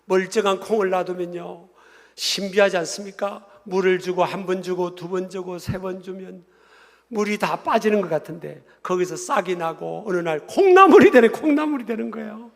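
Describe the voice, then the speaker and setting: High-voiced pastor preaching in a reverberant church. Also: male voice, normal speed, vocal fry. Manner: emphatic preaching, asks the congregation questions, swells to shouts. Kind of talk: sermon. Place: church sanctuary.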